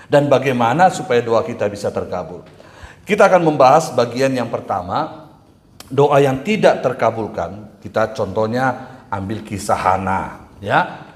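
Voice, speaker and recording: A middle-aged male pastor preaching a sermon in a conversational way, with emphatic bursts and calls to the congregation. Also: mid-range voice. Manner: conversational preaching with rising emphatic bursts and audience call-and-response. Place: church hall. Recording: roomy echoing church hall.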